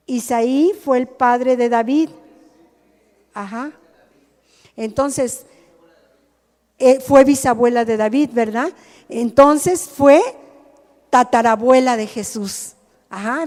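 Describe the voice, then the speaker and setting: Mexican woman preacher, slow and deliberate, checks in with the group, reverberant room. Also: sits high, darkish tone. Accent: Mexican Spanish. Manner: asks the group questions. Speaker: teacher at a rehab ministry. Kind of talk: sermon to a group. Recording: hall reverb.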